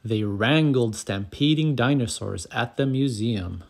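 A man narrating a children's picture book aloud, calm and clear, as the channel's storyteller. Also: mid-range voice, measured pace.

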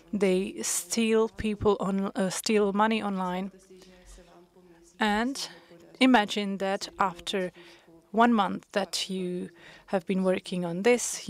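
A conference interpreter, a woman of medium pitch, renders a panel discussion into English. She sounds measured, pausing often and hesitating frequently.

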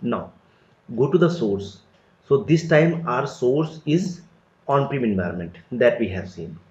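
A man explains a software setup step by step in a plain, methodical tutorial voice. His voice sits at an ordinary middle pitch. The recording is roomy and somewhat dull, with typing heard on a keyboard nearby. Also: expressive, unhurried. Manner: step-by-step, plain explanatory delivery with frequent "so" and "let me". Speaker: tutorial instructor.

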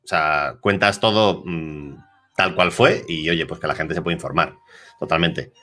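Lively, slangy host, bright voice. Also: male voice, extremely low pitch, unhurried, soft background music. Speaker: interviewer host. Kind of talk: casual chat.

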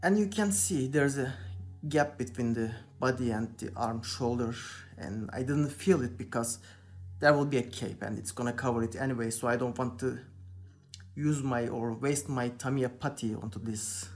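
A young Turkish man, a hobby painter hosting his own channel, chats casually at an indoor workbench while painting a figure. His Turkish-accented English is hesitant and searching, full of "you know," at medium pitch and normal speed, with faint music behind him.

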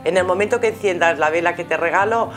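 A woman's voice: lowish voice, fast talker. Middle-aged woman, accent from Spain, affectionate spiritual advisor, live call-in host, faint music behind. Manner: affectionate, addressing the caller with endearments. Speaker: spiritual guide hosting a live call-in show. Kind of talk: spiritual advice to a caller. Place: small TV studio with curtains.

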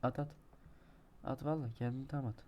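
A young man commenting on his own gameplay, talking to himself, boasting and cursing, with sudden shouting outbursts. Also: medium pitch, steady tone, fairly quick, slight background noise. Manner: swearing, shouting outbursts at the game; self-talk, boastful then exasperated. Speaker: gaming streamer. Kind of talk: let's-play commentary.

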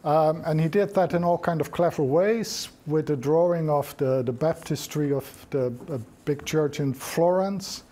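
A middle-aged man giving a reflective seminar talk, thinking aloud with frequent restarts and pauses. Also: a little high, dark tone. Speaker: lecturer.

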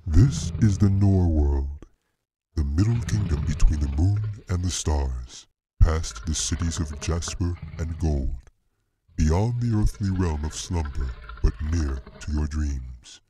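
A man voicing a huge, noble male bear king who speaks slowly and solemnly in a deep rumbling voice. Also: expressive, dark tone, a little hiss or hum, exaggerated voice, poor audio. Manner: slow, solemn, commanding.

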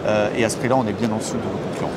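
A man in his thirties, a company director, presenting a new scooter in an interview with a confident sales pitch full of figures. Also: fairly even intonation, racing. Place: busy indoor trade show hall. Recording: loud crowd noise of a trade show. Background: loud trade show crowd noise.

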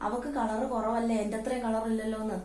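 A woman with a Kannur Malayalam accent playing a scheming mother-in-law who speaks in slow, hushed, confiding gossip in a family comedy skit. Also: on the high side, little pitch movement, echoey room, a little hiss or hum, close to an everyday voice. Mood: sly, confiding. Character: scheming mother-in-law stirring up her daughters-in-law.

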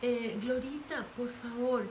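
A woman pastor preaching with earnest pleading, urging parents to speak gently. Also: fairly high pitch, takes it slowly. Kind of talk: sermon. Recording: echoey room with faint noise.

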